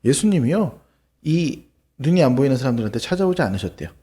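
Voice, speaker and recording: A man preaching a children's sermon in church, telling a Bible story with lively rhetorical questions. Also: medium pitch, fast talker. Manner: animated, addresses children with questions. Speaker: children's pastor.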